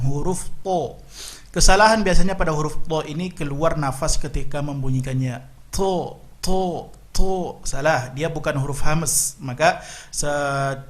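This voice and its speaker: A man teaching Arabic letter pronunciation, patiently repeating syllables in sing-song drills and explaining mistakes in a lower voice. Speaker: Quran recitation teacher. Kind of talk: slow instructional drilling of letter sounds.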